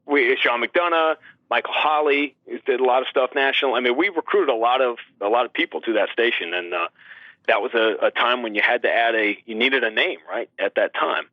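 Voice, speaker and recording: Talking basketball as an energetic guest, this male sports announcer stresses his points and keeps asking rhetorical questions. The line sounds dull, like radio, and his medium-pitched voice runs a bit fast with no room sound.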